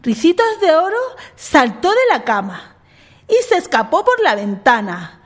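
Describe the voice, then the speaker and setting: A woman reading a children's storybook aloud with expressive, animated delivery. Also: high-pitched, measured pace.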